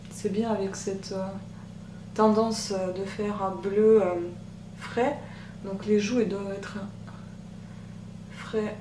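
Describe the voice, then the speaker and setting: A woman with a soft voice talking through a makeup tutorial in a relaxed, chatty way, pausing often. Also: medium pitch, distant mic. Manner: chatty, hesitant with many pauses. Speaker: beauty vlogger. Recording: roomy echo, off-mic, machine hum. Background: machine hum.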